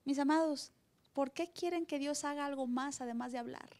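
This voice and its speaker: High-voiced woman pastor preaching animatedly. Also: normal speed. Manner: animated preaching, acts out voices with sudden loud cries. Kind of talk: sermon. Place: church, recorded live.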